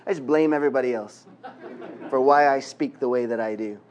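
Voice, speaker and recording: Here the Quebec-born guest preacher, a middle-aged man with a Canadian accent, speaks fairly quickly at medium pitch, sounding a little mellow. His conversational sermon includes self-deprecating jokes and prayer, and the audio is dull with slight background noise.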